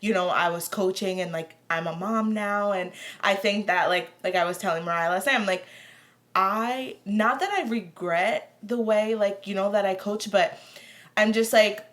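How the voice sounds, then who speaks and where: A woman's voice: medium pitch, normal speed, a bit bright. A young woman and mother, a podcast co-host and former cheer coach, reflecting on herself with rambling fillers. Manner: self-questioning, rambling with fillers. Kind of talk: casual podcast chat.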